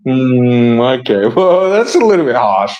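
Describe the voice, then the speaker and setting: A man's voice: mid-range voice, very animated, a little slow, darkish tone, poor audio. A man hosting a casual podcast chat, rambling and hesitant with many fillers and frequent laughs. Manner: laughs often. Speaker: podcast host.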